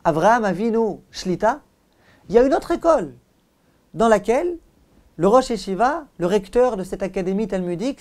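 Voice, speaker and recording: A man with a high-sitting, darkish voice delivers a Torah lesson as a rabbi. His style is didactic and forceful, with repeated phrases and questions aimed straight at those listening.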